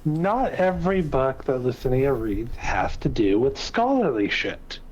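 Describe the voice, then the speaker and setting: A man's voice: mid-range voice, very animated, a little slow, a little mellow, rough recording. A man chatting casually as a player after a tabletop game. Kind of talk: casual chat.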